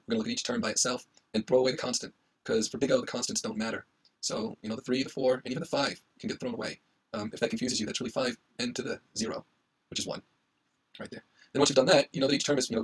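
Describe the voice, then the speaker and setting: A man giving an informal tutorial as an instructor, with a husky, strained voice that is giving out. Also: mid-range voice, steady tone, fast, low-quality recording. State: losing his voice, hoarse. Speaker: instructor explaining algorithm analysis.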